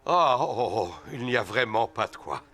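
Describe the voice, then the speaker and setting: A man's voice: medium pitch, lively intonation, normal speed, very noisy, lightly acted. A man voicing a jolly, good-natured father pig in a French-dubbed preschool cartoon. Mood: jovial. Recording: music behind the voice.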